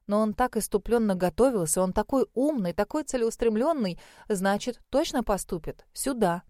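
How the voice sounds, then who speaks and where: Female audiobook narrator, even steady read, mid pitch, dry booth sound. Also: moderate pace, no echo. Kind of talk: first-person audiobook narration.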